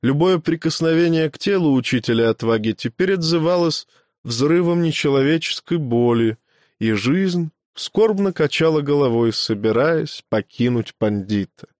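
A man reading an audiobook as a measured storyteller. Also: fairly high pitch, expressive, a little mellow, dry recording, studio quality. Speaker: audiobook reader. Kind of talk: scripted narration.

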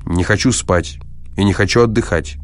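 A man's voice: lowish voice, moderate pace, faint music behind, natural voice. A man reading an audiobook, voicing an irritable, stubborn man who answers curtly. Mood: irritated. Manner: gruff, curt retorts.

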